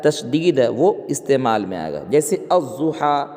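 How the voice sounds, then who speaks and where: A man's voice: mid-range voice, very animated, mellow, long reverb tail. A man teaching an exam-prep grammar lesson. He asks questions, answers them himself and counts the letters aloud.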